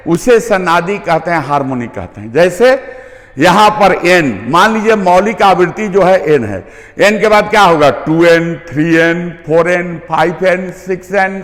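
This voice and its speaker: A man's voice: high voice, in a large hall. A man teaching a physics lecture, repeating key terms and asking the class whether they follow. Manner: repeats key terms, checks understanding with questions.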